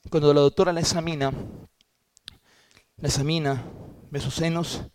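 Earnest pastor telling a testimony. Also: male voice, a little high, level tone, darkish tone, slight background noise. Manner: earnest storytelling, with halting restarts. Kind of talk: sermon testimony.

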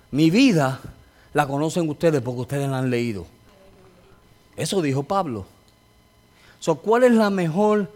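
A man's voice: fairly high pitch, a little mellow. A man preaching a sermon as a pastor, telling a testimony with rising fervor.

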